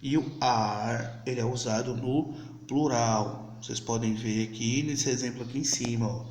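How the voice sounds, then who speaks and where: A man with a Brazilian Portuguese accent teaching English in a recorded video lesson. He explains step by step, checks in with his students often, and says the English example sentences slowly and clearly. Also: mid-range voice, fairly even intonation, a little mellow, roomy sound, slight background noise.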